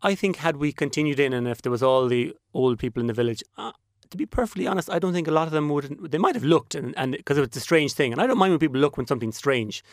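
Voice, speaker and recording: West of Ireland man, reflective and halting. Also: on the high side, lively intonation, no echo, clean studio sound. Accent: west of Ireland, Kerry. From Kerry, Ireland. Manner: reflective, anecdotal, halting with repeated words. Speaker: panel guest. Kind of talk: conversational panel discussion.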